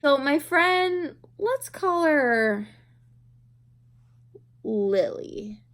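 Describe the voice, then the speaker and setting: In a high, expressive voice that draws out her words, a woman in her twenties recounts a story during a casual makeup storytime video. She's chatty and giggly, rambling and making fun of herself.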